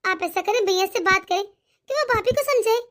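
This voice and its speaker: A woman voicing a petulant, meddling young married daughter in an animated cartoon, scolding and dramatic. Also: extremely high pitch, normal speed. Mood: scheming.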